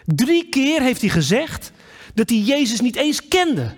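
A man's voice: extremely high pitch, sing-song, a little slow, long reverb tail. A man preaching a sermon, telling a personal memory and then reading scripture aloud.

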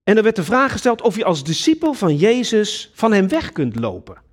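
Lively, husky-voiced preacher. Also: male voice, sits high, normal speed. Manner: earnest, lively preaching with sudden emphatic rises. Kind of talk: sermon.

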